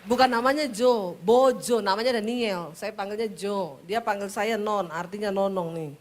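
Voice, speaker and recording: A woman's voice: medium pitch, normal speed, slight background noise. Teasing middle-aged woman preacher from Sulawesi. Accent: Sulawesi Indonesian. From Sulawesi, Indonesia. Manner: lively storytelling, punchy and teasing. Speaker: pastor. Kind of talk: humorous sermon.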